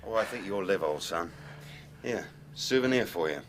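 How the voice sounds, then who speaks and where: A man speaking in a brisk, commanding way to a group. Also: deep voice, lively intonation, slight background noise.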